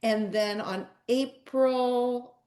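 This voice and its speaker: A woman's voice: a little high, very slow, roomy sound. A middle-aged woman, a podcast guest, eagerly telling a story in casual chat and acting out the people she quotes. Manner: excitable storytelling, acts out quoted voices.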